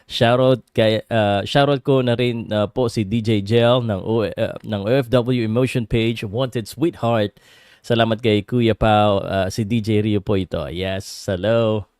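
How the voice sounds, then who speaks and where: A man with a Filipino accent hosts a casual boxing livestream, chatting with viewers and switching between English and Tagalog in a halting way. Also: on the low side, steady tone, darkish tone, smooth, dry recording, studio quality. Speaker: livestream host and boxing commentator.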